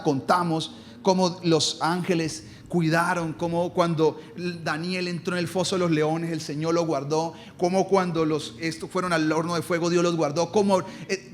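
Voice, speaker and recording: A man's voice: a little high, a little hiss or hum. A male pastor preaching a sermon emphatically, stretching out and lifting his key phrases.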